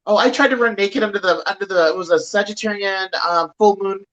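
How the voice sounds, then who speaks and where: A woman's voice: mid-range voice, fairly quick, highs cut off. A woman hosting a casual chat about astrology. She rambles with lots of fillers and speaks bluntly, with some swearing. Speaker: astrology stream host.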